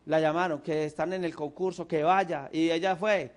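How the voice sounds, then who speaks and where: A man with a Colombian Paisa accent preaching a sermon, an animated storyteller who swings between emphatic and hushed delivery. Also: on the high side, normal speed. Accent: Colombian Paisa, Antioquia. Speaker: pastor.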